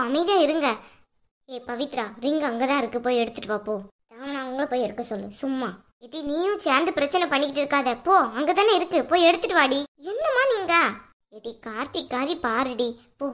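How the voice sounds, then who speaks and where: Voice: high voice, expressive, fairly quick, a bit bright. A performer voicing a middle-aged cartoon mother who bosses everyone around at her son's engagement. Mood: scolding. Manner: scolding, bossy. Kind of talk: cartoon voice acting.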